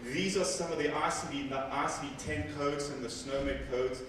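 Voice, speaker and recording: In a large hall with a seated audience, a native Afrikaans speaker presents at a technical conference through a handheld mic, conversational and often repeating words as he self-corrects. His voice is on the high side, a bit bright, steady in tone and at normal speed. Captured from far back, the sound is echoey and distant with a little hiss or hum.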